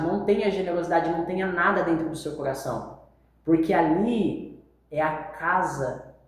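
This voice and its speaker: A woman with a Brazilian accent teaching from the Bible in an informal, emphatic way, using slang and repeating her points. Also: on the low side. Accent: Brazilian Portuguese. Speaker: preacher. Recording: very echoey room.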